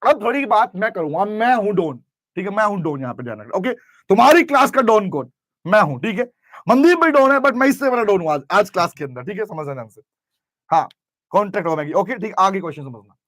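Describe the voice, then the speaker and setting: A man teaching a class, lively, constantly questioning his students and acting out examples. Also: sits high, fast, no echo. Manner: lively, questioning students, mixes English terms into speech. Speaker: commerce teacher. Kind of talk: classroom lecture with role-play. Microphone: camera recording in class.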